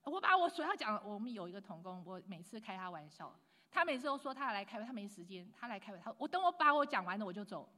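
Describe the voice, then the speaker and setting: A woman preaching a sermon with lively emphasis, dropping to hushed asides and mixing in English phrases. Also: mid-range voice, quick pace. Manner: swings between loud emphatic lines and hushed asides. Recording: long hall reverb.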